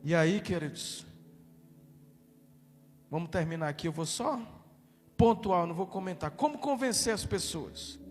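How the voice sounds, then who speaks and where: A male pastor with a Brazilian Portuguese accent, preaching a sermon in a naturally loud, emphatic voice and calling out to his congregation. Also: high voice, expressive, normal speed. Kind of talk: sermon with declared prayer. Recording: reverberant hall with faint music.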